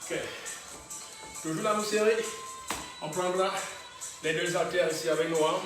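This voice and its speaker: Slow-paced man coaching a workout. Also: high voice. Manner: short encouraging exercise cues, chuckles often. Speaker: fitness instructor. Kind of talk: workout class instruction. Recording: very echoey room, voice from a distance, faint music.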